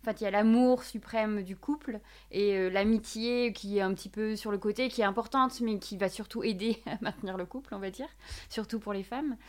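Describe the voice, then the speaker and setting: A woman hosts an interview and builds long, meandering questions. She hesitates often with euhs. Her voice sits at an everyday middle pitch. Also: steady tone, a little fast. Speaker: host, interviewer.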